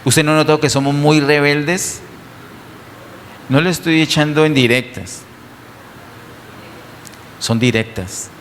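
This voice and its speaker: A male preacher with a somewhat high voice delivers an emphatic sermon, firing rhetorical questions at his congregation. His voice rings with a long reverb through the church hall, and a faint room hum sits underneath. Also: takes it slowly, pauses often, fairly bright tone.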